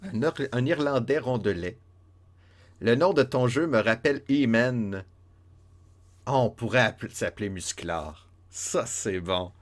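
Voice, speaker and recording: A man's voice: medium pitch, animated, measured pace. A man gives casual, playful commentary on a game, joking along as he plays. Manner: playful, joking, many fillers and restarts. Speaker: let's play host.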